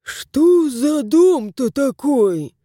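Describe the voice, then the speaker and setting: A woman's voice: on the high side, very animated, takes it slowly, dark tone, no echo, studio quality. A woman voicing a grumpy, bearded old male house spirit who grumbles in old-fashioned words. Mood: grumbling. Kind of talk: audiobook character voice.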